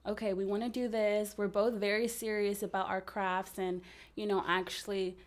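A woman's voice: mid-range voice, flat delivery, moderate pace. A young woman with an American accent co-hosting a podcast in informal, emphatic casual chat. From San Francisco Bay Area, USA. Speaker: podcast co-host.

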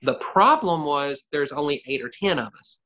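A woman's voice: low voice, animated, normal speed, a bit bright, lo-fi sound. A woman with a Southern US accent, a comedian, chatting casually. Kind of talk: casual chat.

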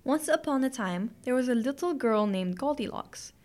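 A woman narrating classic fairy tales as a podcast host, in a clear, gentle storytelling manner. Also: high voice, animated, moderate pace.

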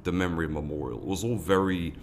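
Speaking fast in a deep voice, this London-born foundation founder in his 30s answers interview questions earnestly, often starting over and repeating himself. A little hiss or hum sits under the audio.

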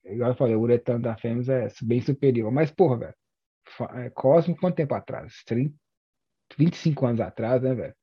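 A man's voice: medium pitch, fairly quick, husky, dry recording, dull audio. A man with a Brazilian accent chatting casually in slangy speech, repeating phrases for emphasis as he talks like an experienced skater. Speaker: experienced inline skater discussing gear. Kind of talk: casual chat.

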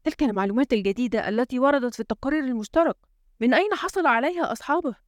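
A woman's voice: sits high, rapid-fire, no room sound, studio quality, voice pushed up, close to an everyday voice. A woman reading an audiobook, voicing a frustrated male president who gives urgent orders. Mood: tense. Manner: urgent, commanding. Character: tense, frustrated male head of state.

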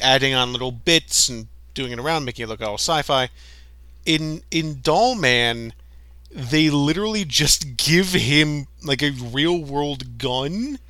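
A man co-hosting a podcast, riffing on a movie in casual chat, animated and jokey. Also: mid-range voice, no room sound. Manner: animated, jokey, riffs and laughs along. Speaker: podcast co-host.

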